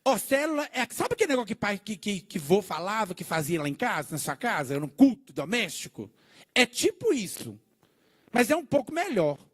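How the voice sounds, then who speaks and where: A middle-aged man preaches his testimony to a church congregation. His voice sits high and swings widely as he tells the story with animation, acting out the dialogue and checking in with the listeners. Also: sing-song, brisk. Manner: addresses the congregation with "né" and "gente". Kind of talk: testimony sermon.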